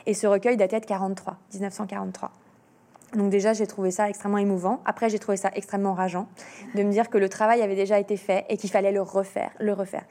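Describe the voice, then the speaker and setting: A woman guest in an interview speaks with a mellow, warm voice at a middle pitch. She is animated but hesitant and often restarts her sentences mid-thought. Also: fast talker. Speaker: author and illustrator guest. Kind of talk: interview talk.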